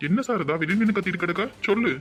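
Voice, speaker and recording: A man's voice: sits high, quick pace, over loud music, close to an everyday voice. A man voicing a stern, angry village father in a cartoon, with a Tirunelveli Tamil accent and a blunt, threatening bark. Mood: furious. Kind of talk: cartoon voice acting.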